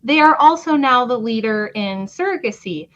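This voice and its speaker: A woman's voice: a little high, lively intonation, moderate pace, a bit bright, dull audio. A woman hosting a podcast, chatting casually and reading from an article. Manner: conversational, reads from an article aloud. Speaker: podcast host.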